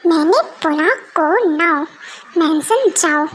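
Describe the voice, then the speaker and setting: A woman's voice: very high voice, slow pace, a bit bright, slight background noise, full character voice. A woman voicing a cold, bossy young mafia husband who gives curt orders in an amateur fan dub. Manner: curt, commanding, dismissive.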